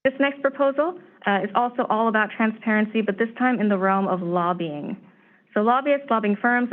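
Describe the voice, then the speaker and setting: A staff presenter at a commission meeting, a woman with a medium-pitched voice, reads prepared remarks in a formal briefing on proposed legislation. She is steady and measured but slightly hoarse, clearing her throat now and then. The audio comes through a tinny phone line.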